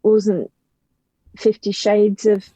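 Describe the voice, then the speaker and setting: In a dark-toned, medium-pitched voice, a woman speaks very slowly with flat delivery while giving emphatic opinions as a podcast interview guest. She is an audio drama writer and actor, and the call audio is dull, lo-fi and roomy.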